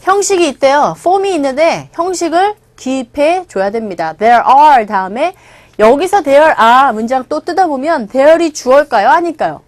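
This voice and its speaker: A woman teaching English in an online lesson, explaining lively and reading example phrases slowly. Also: high voice, no echo.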